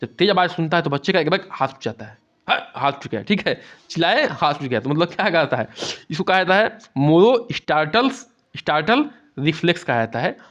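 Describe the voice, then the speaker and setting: Man teaching exam prep, slightly high voice. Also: big pitch swings, a little fast, a bit bright. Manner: repetitive, checks in with "theek hai". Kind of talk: explanatory lecture. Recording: dull lo-fi sound.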